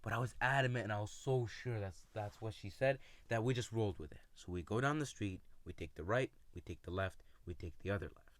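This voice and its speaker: A man telling a personal story in a casual, halting way, with many fillers and restarts. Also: lowish voice, dry recording. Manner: retells friends' lines in his own voice.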